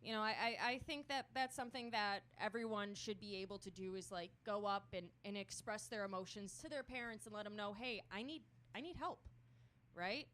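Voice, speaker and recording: A young woman performing a stand-up comedy set on a club stage, telling dark self-deprecating jokes with deadpan delivery. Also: mid-range voice, brisk, few pauses.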